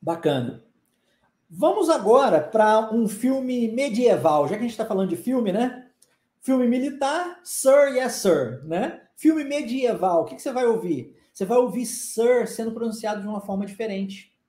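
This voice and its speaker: Brazilian man, language teacher, patient explanations, warm mellow voice, echoey room. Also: very high-pitched, expressive, moderate pace. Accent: Brazilian Portuguese. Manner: patient, explanatory, checks in often with short questions. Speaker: English teacher. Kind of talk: online language lesson.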